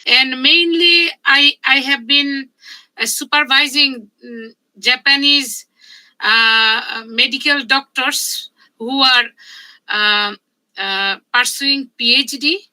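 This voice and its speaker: Slow, bright-voiced woman presenting. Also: sits high, poor audio. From Bangladesh. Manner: halting, measured delivery with frequent pauses. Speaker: medical researcher and conference speaker. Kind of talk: conference presentation.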